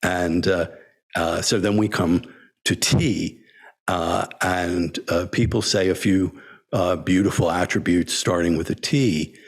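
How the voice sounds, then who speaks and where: An older man, a senior disciple, reminiscing in a storytelling talk, halting with many fillers and frequent chuckles. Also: deep voice, fairly even intonation, slightly rough. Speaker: senior disciple telling stories.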